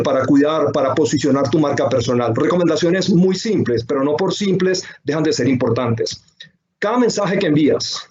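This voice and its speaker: A man's voice: fairly high pitch, darkish tone, lo-fi sound. A man giving a sales webinar, speaking, stacking emphatic lists and rhetorical questions. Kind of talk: webinar presentation. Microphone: computer microphone on a video call.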